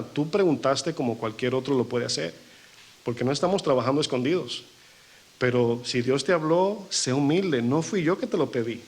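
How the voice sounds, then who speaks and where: A male pastor preaching a sermon to his congregation and acting out the people he quotes. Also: a little high. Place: church.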